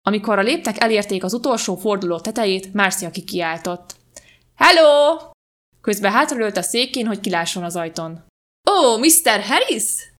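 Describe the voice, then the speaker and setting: A woman podcast host reading a short story aloud in a calm, even storytelling manner. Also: mid-range voice, hardly any pauses. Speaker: podcast reader.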